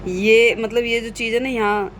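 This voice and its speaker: This noisy home vlog, shot on a phone camera in the kitchen, features a Hindi-accented woman with a fairly high, steady voice. She speaks at a moderate pace, chatting casually with viewers she calls "guys" as she cooks.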